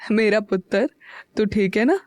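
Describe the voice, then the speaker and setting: Woman playing an excitable loving mom, eager questions, audio drama, dry close mic. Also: mid-range voice, unhurried, dry recording, close to an everyday voice. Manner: warm, eager, rising questions. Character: doting, excitable middle-aged mother.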